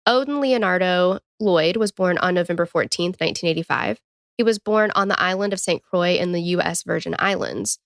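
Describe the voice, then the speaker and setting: A woman's voice: on the low side, fairly quick, gravelly, no room sound, studio quality. A woman co-hosting a casual true-crime podcast, joking and teasing between reading case background. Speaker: podcast co-host.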